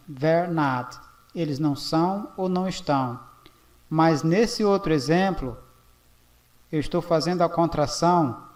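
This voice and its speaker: A man from Brazil walks through a grammar lesson at a board. His voice sits a little high and he speaks slowly, checking in with "ok?" again and again. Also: a little mellow. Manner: slow, repeats "ok?" often. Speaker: English teacher.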